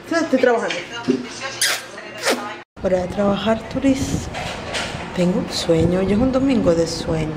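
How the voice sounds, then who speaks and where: A woman's voice: mid-range voice, animated, moderate pace, long pauses, very noisy. A woman with a Venezuelan accent, vlogging casually at home in a chatty, playful, exclamatory way. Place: home, indoors.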